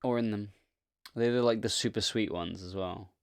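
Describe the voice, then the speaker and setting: A man's voice: lowish voice, moderate pace. A young man co-hosting a podcast, chatting casually and animatedly, swearing and laughing often. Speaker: podcast co-host. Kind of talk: casual chat.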